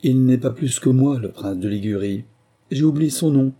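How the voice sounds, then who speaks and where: Brief: a man doing an unflappable little detective, husky, dark voice, cutting and calm, storybook. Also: fairly high pitch, normal speed, voice pushed up. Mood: accusing. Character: frail, chilly, unflappable amateur detective.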